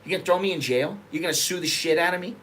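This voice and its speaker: A middle-aged man from America talks in a loose, rambling vlog style, blunt and quick to swear. His voice sits a little high and rings bright and forward. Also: a little hiss or hum. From United States. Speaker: vlogger. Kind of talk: casual opinion vlog. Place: living in Bangkok.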